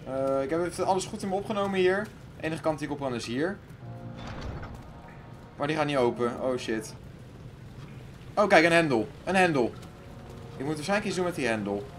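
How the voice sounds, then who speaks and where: A man's voice: on the high side, slight background noise. Jumpy man narrating his gameplay. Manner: jumpy, loudly panicking, talks to himself. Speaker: let's play host. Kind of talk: casual gaming commentary.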